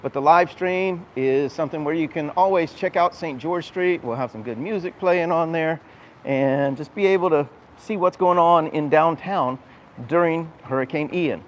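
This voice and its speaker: Speaking at a moderate pace in a fairly high voice, the host of a live town walking tour explains and points out features conversationally. Outdoor street noise and city ambience fill the recording.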